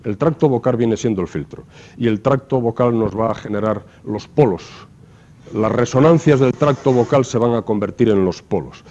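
A man's voice: mid-range voice, moderate pace, mellow. Man giving a lecture, lo-fi. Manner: explanatory, asks rhetorical questions with frequent tag "¿no?". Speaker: university lecturer. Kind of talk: classroom lecture. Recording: dull lo-fi lecture recording.

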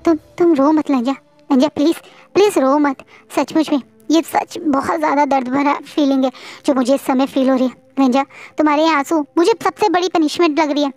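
A woman's voice: high-pitched, steady tone, a little fast, darkish tone, no echo, soft background music, lightly acted. A woman voicing a remorseful young man who pleads tearfully for forgiveness in a storybook reading. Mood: tearful pleading. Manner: tearful pleading, repeated apologies.

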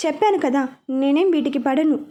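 A woman's voice: sits high, moderate pace, warm tone, lightly acted. A woman reading a story, voicing a pouting, stubborn young woman who is hurt and angry with her fiancé. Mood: sulky.

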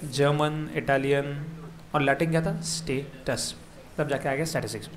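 A man with an Indian accent teaching an exam revision lecture, repeating key words and firing quick questions at his students. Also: fairly high pitch, fairly even intonation.

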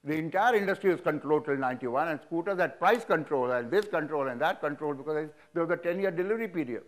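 A man's voice: fairly high pitch, fast. A man in his seventies with an Indian English accent, speaking frankly and animatedly as a guest in an on-stage interview, recorded on a lapel mic. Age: 70s. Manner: animated, frank, sweeping hand gestures, chuckling. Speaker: business leader guest. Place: auditorium stage.

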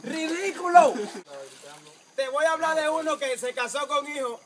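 A man's voice: very high voice, fairly even intonation, a little fast, slight background noise. A young man with a Dominican accent, improvising joking, boastful rhymes among friends outdoors by a fountain. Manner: joking, boastful, rhyming banter. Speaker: video host. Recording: loud crowd around the mic.

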